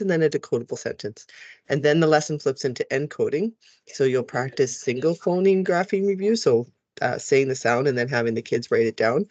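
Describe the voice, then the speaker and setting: A man's voice: medium pitch, a little mellow, dry recording. A man explaining how to use phonics lesson slides, talking teachers through each part and sounding out letters the way they should with kids. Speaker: teacher trainer. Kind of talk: recorded tutorial walkthrough.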